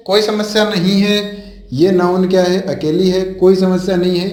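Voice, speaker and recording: A man's voice: on the high side, darkish tone, roomy sound. A man from India with a Rajasthani Hindi accent, teaching an online grammar lesson and explaining step by step, often asking questions and answering them himself. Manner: often addresses viewers as friends.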